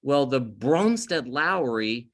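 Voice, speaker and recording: Lively-voiced male chemistry teacher. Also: mid-range voice. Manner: explains slowly, stressing key terms, with self-corrections. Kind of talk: recorded lecture over slides.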